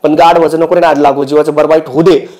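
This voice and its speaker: A man's voice: a little high, little pitch movement, fast talker, a little mellow. A man hosting a comic roast, teasing and mocking the people in the clips he reacts to. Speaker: roast host.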